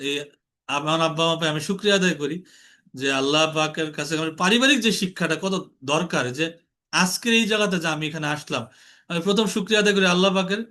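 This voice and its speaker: A young man leads an online lesson with a high, ringing voice. He talks earnestly, circles back over his points and calls on students to answer. His tone is bright and forward. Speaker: online class instructor. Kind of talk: informal teaching lecture. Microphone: online class call.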